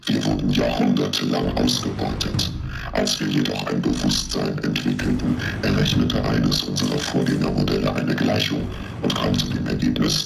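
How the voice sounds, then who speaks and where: A deep gravelly machine overlord over a ship channel. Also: male voice, full character voice. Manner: flat, emotionless, calculating. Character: cold machine overlord addressing humans. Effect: heard over a ship's communication channel. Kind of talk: fan-made sci-fi audio drama. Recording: echoey transmission under loud music.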